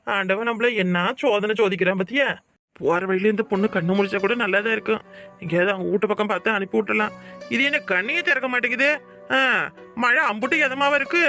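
A man's voice: high voice, gravelly, pushed and bright, dry recording, exaggerated voice. A man with a southern Tamil Nadu accent voicing a kind-hearted young bachelor who frets and mutters to himself. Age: young adult. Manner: talking to himself, fretful asides. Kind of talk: cartoon voice acting.

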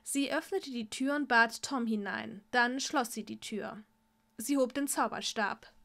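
A woman reading fan fiction aloud in a steady storytelling voice. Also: a little high, a little slow, creaky. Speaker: story reader.

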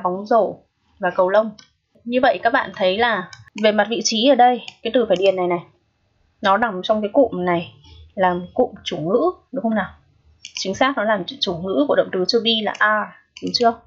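A woman's voice: medium pitch, breathy edge, lo-fi sound. A woman English teacher, patiently walking students through an exam review and checking in with frequent rhetorical questions.

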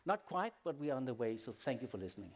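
A man's voice: medium pitch, sing-song, fast talker, very noisy. A man finishing a conference talk in a plain, hopeful way. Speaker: conference speaker.

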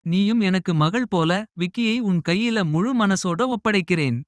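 A man voicing a gentle, firm mother. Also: high voice, normal speed, no room sound, studio quality, voice pushed up, close to an everyday voice. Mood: tender. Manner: soft scolding, tender and reassuring. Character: caring middle-aged mother, gentle but firm.

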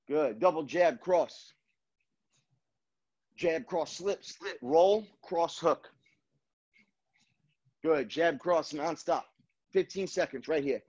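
A man's voice: on the high side, a little mellow, slightly rough. Dull-sounding male boxing coach calling combos. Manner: boxing coach calling combos in short clipped commands with encouragement. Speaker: kickboxing coach. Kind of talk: fitness class instruction, calling out boxing combos and counts. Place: apartment living room, indoors. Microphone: video call, standing back from laptop. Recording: dull lo-fi video-call audio.

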